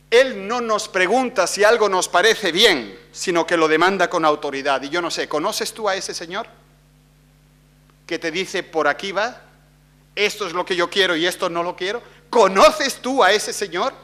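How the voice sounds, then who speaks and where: A man preaching a sermon, asking the congregation questions and swinging between hushed storytelling and loud emphasis. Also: sits high. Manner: asks the congregation rhetorical questions. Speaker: pastor.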